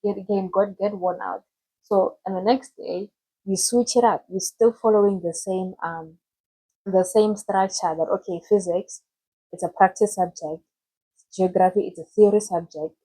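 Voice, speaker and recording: This young woman has a medium-pitched, steady, dark-toned voice and talks a little slowly, though the audio is poor. She explains study planning casually to camera in a loose, chatty tutorial, often breaking off to restart or correct her sentences.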